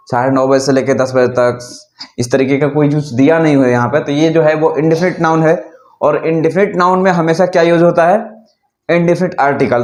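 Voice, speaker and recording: A man teaching an English grammar lesson, explaining rules slowly and repeatedly while asking his students questions. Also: fairly high pitch, echoey room.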